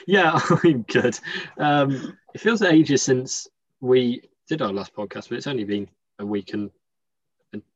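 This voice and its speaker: A man's voice: medium pitch, unhurried, no echo, muffled recording. A man with a modern British accent chatting casually as a podcast co-host, rambling and joking as he goes. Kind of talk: casual chat.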